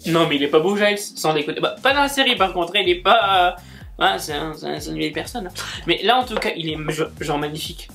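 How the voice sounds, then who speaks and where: A man's voice: fairly high pitch, lively intonation, fast talker, vocal fry, pushed and bright, soft background music. A man chatting casually as he unboxes gifts, gushing and exclaiming as he goes. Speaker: book and manga YouTuber.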